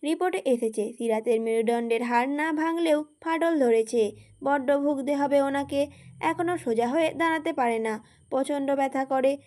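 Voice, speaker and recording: A woman storyteller giving a steady, expressive scripted narration of a romance story. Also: high voice, normal speed.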